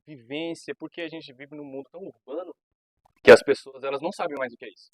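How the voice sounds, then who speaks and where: A man hosting a podcast interview, conversational and quick to chime in with short affirmations. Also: fairly high pitch, no room sound. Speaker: podcast host. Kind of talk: casual interview chat.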